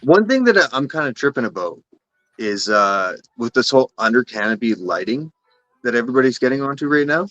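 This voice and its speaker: A man's voice: mid-range voice, very animated, brisk, fairly bright tone, no room sound, muffled recording, faint music behind. A man with a Canadian accent, a guest on a casual live stream, talking in rambling, self-correcting runs and swearing casually. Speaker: guest cannabis breeder.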